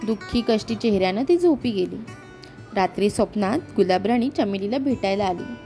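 A woman's voice: medium pitch, expressive, a little fast, warm tone, soft background music. A woman narrating a children's story, reading aloud expressively.

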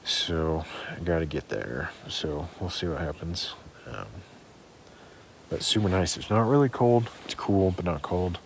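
Low-pitched male hiker vlogging from his tent on a phone mic, easygoing and rambling, noisy audio. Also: unhurried. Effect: recorded on a phone, audio bad. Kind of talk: casual camping vlog. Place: inside a small tent with mesh liner. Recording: noisy phone recording outdoors.

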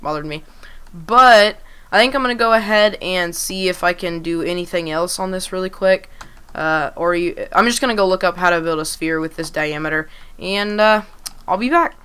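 Smooth-voiced woman narrating a game. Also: lowish voice, moderate pace. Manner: relaxed, rambling, lots of ums and restarts. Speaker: gaming channel host. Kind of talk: casual let's-play commentary.

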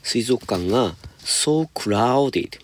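A man teaching high school English, patiently explaining homework step by step and reading example sentences slowly. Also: lively intonation, slight background noise. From Japan.

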